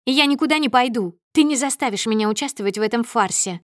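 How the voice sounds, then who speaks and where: A woman's voice: on the high side, fast talker, dry recording, pitched above the performer's own voice, close to an everyday voice. A woman voicing a furious young pregnant wife who shrieks and hisses threats, in a dry audiobook recording. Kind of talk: audiobook character voice.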